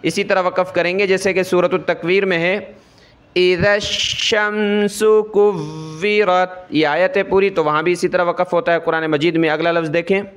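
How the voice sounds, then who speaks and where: A man with a Pakistani Urdu accent giving a Quran reading lesson, explaining quickly and then drawing out each letter sound slowly. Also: high voice, level tone, smooth. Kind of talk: spoken lesson, spelling out Arabic letters.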